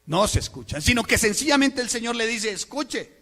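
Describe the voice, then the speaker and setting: A man preaches a sermon in a church, his voice sitting high for a man. He reads scripture and keeps asking his listeners questions in an expressive delivery. A long hall reverb trails each phrase. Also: brisk. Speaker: pastor.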